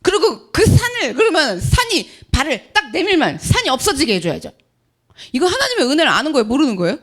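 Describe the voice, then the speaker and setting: A woman pastor giving an emphatic sermon, asking the congregation questions and acting out complaining believers. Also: high voice.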